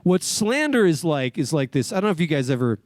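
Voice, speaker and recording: A man from Wyoming preaching a sermon as pastor, in an earnest, conversational way, asking the congregation questions and dropping softly on key words. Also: on the high side, very animated, quick pace, no room sound.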